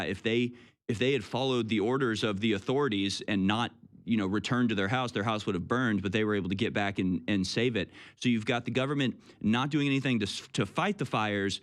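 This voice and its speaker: A man hosting a radio call-in show, talking in an informal, engaged, conversational way. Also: on the low side.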